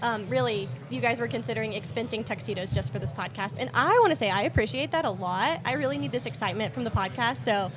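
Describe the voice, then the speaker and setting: A woman's voice: a little high, fast, hardly any pauses. A woman hosting a podcast with casual, playful, teasing interview banter. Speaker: podcast host. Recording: noisy room ambience behind voice.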